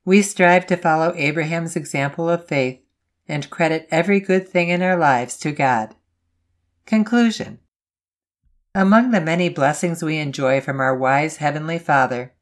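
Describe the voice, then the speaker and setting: A woman reading a scripted Bible devotional in a measured, solemn way, citing scripture references aloud. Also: low-pitched. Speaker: devotional reader.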